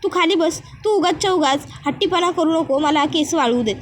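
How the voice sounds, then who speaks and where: A woman's voice: very high-pitched, animated, fairly quick, slight background noise. A woman voicing a playful young husband who coaxes and lightly scolds his wife. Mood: coaxing.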